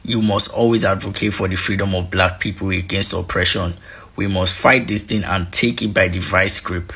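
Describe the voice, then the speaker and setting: Man, low husky voice, fiery exhorting speech, repeats for emphasis. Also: steady tone, normal speed, sharp tone. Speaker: activist speaker. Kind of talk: impassioned speech.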